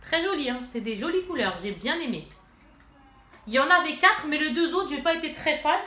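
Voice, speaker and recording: High, animated, brisk, and bright, with a forceful tone, this voice comes from a beauty vlogger doing a casual haul and swatch demo despite an allergy-stuffed nose. She chats directly to viewers with many fillers, in an echoey room with faint noise.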